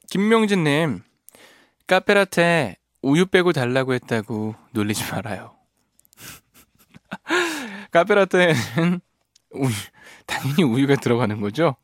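A man's voice: medium pitch, dry recording. A man hosting a radio show in a studio, reading listener messages and teasing them playfully with frequent laughs. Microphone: studio microphone.

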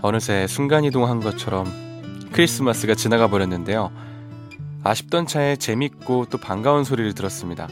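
Faint guitar music sits behind a man with a lowish voice who talks fairly quickly. He's a ballad singer running a live studio radio show, chatting loosely between listener messages with an easy, self-mocking manner.

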